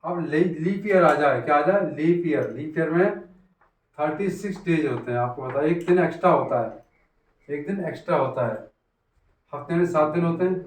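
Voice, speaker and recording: A man's voice: fairly high pitch, normal speed. A man teaching a math class, repeating points and checking that his students follow. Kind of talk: classroom lesson. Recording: echoey room, voice from far off.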